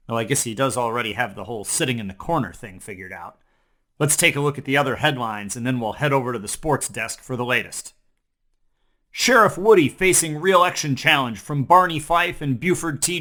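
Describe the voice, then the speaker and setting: A comedy newscast host delivers scripted parody headlines, sounding like a mock-serious anchor. He speaks in a medium-pitched voice with a sharp tone.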